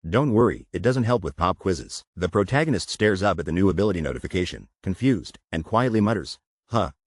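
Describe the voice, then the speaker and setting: A man's voice: deep voice, lively intonation, a little fast, no room sound. A man narrating a comic recap as scripted voice-over, wisecracking with playful asides.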